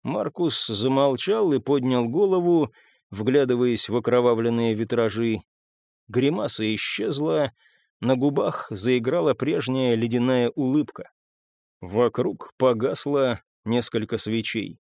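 A man's voice: medium pitch, vocal fry, a little mellow, no room sound. Dry-voiced male audiobook narrator. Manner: measured and dramatic.

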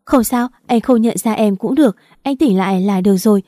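A woman's voice: medium pitch, a little fast, mellow, no room sound, studio quality, lightly acted. A woman voicing a young mother who pleads in tears at her husband's bedside, in an audiobook reading. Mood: anxious. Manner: tearful, pleading.

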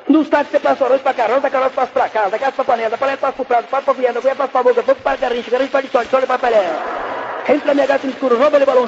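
A man playing a frantic old-time radio football commentator in a comic skit, rattling off tongue-twisting nonsense deadpan. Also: very high-pitched. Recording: dull lo-fi radio recording, faint noise.

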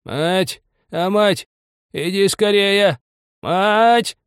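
A frail old village man cries out in a shrill, spiteful, desperate voice, pitched high and loud, voiced by a male narrator. The reading is close and dry. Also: extremely slow, clear, resonant tone, no room sound, exaggerated voice. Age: older.

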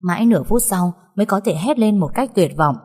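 Warm, husky-voiced woman narrating a tragedy. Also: medium pitch, lively intonation. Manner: measured, somber storytelling. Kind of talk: dramatic story narration. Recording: long reverb.

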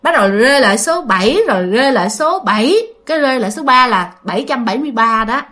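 A woman's voice: fairly high pitch, expressive, fast, bright, forceful tone. A woman telling a ghost story casually and animatedly, repeating words for effect and talking straight to her listeners.

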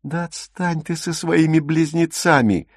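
A male audiobook reader voicing a sharp-tongued, reckless young woman in hiding, mocking and defiant, in a dry, close recording. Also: on the low side, moderate pace, no echo, lightly acted. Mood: scornful.

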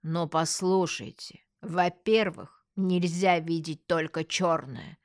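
A woman's voice: fairly low pitch, no echo, studio quality. A woman voicing an elderly male magazine editor who lectures emphatically with rhetorical questions, preachy and stubborn.

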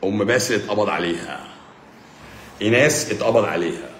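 A man with an Egyptian accent answers viewers' questions on a live stream as a doctor. He teases and jokes in a very low voice and rattles along quickly. The room around him echoes, with a faint hum behind. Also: expressive, gravelly. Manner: joking, teasing, brisk. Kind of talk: casual live-stream Q&A reading comments. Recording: roomy echo, faint background hum.

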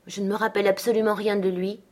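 A woman reading aloud, voicing a frail, timid young boy who speaks softly and wistfully. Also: mid-range voice, little pitch movement, quick pace, close to an everyday voice. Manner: soft, murmuring.

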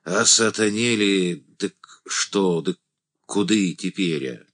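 A man voicing a grumbling, superstitious old village woman healer with a hoarse, low voice and folksy dialect words. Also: slow pace, fairly bright tone, exaggerated voice.

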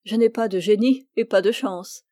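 A woman's voice: medium pitch, normal speed, dark tone, no echo, studio quality, close to an everyday voice. Woman reading as a frank young woman painter. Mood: cheerful.

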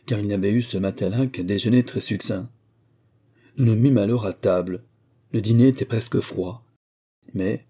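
A man reading a classic novel aloud in a steady, formal audiobook narration. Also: on the low side, slightly rough. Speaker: audiobook reader.

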